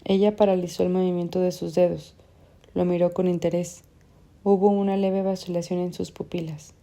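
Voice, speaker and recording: A woman reading literary fiction aloud as an audiobook narrator, in a measured, even way. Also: on the low side.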